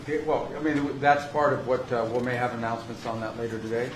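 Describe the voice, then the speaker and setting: A man speaking as a government official, answering in a measured, hedging way. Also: medium pitch, little pitch movement. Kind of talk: press briefing answer. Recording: roomy, noisy.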